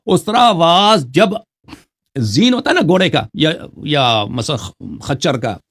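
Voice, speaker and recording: A man's voice: on the high side, a bit bright. A man debating religion, who reads Arabic quotations aloud and then explains them in a mocking way, often checking with "right?". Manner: mocking, keeps asking "right?". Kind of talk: religious debate, citing texts.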